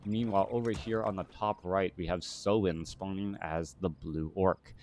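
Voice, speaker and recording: A man's voice: low-pitched, fairly even intonation, normal speed, darkish tone. A man, casting a strategy game live and drifting into rambling chat full of fillers and restarts. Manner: rambling, chatty, many restarts and filler words. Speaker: game caster.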